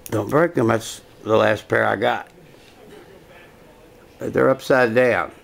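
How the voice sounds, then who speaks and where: Older man coaxing a toddler, gravelly. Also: mid-range voice, fairly even intonation. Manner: slow, repetitive coaxing talk to a small child. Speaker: grandfather. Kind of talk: casual home video chat with a toddler.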